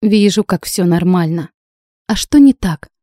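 A woman's voice: on the low side, expressive, unhurried, mellow, no echo, studio quality. A woman voicing a worried, fussy mother with a fretful, emphatic way of talking in an audiobook.

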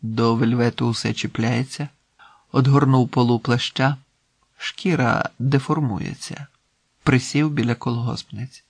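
A man reading literary prose as an audiobook narrator in a measured, expressive way. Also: medium pitch, vocal fry, breathy edge, dry recording.

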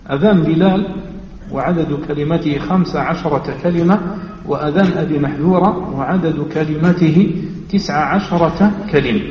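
High-voiced Algerian sheikh in an echoey mosque. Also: male voice, a little hiss or hum. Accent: Algerian Arabic. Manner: counts aloud and quizzes the listeners with "ha?"; repeats key phrases slowly. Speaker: sheikh teaching a mosque lesson. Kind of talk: religious lesson. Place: mosque hall. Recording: echoey far-off mosque hall, dull.

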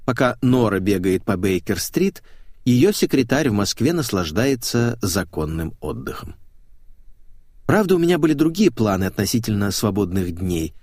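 A man's voice: lowish voice, sing-song, normal speed, a little mellow, dry recording, studio quality. A man narrating a comic novel in the first person, wry and self-mocking. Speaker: audiobook narrator.

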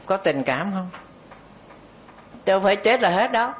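A Buddhist monk tells a story during a dharma talk, his voice sitting a little high for a man. He talks conversationally and turns to the audience directly. The recording is dull and lo-fi. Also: lively intonation, unhurried, slight background noise.

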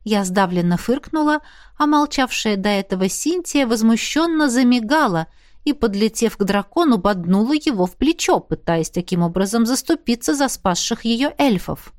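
A woman narrating a fantasy audiobook in the first person, in a measured, expressive storytelling way. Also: fairly high pitch, dry recording, studio quality.

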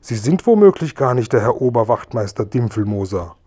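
A man voicing a chatty, indignant old grandmother, with a high, fluttering, raised voice. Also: big pitch swings, a little fast, dark tone.

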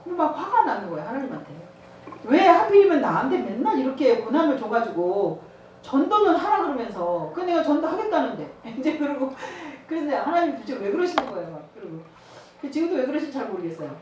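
A woman's voice: high voice, very animated, quick pace, a little mellow, dull audio, slight background noise. A woman giving a sermon with a personal testimony. She acts out dialogue as she tells the story and laughs often. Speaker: evangelism trainer. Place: church. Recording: echoey church hall, mic at a distance.

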